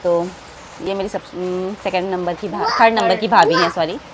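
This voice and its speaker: A woman's voice: fairly low pitch, steady tone, moderate pace, a crowd in the background. An adult woman chatting affectionately to her viewers in a casual home vlog. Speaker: family vlogger. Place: family home indoors. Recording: noisy home background.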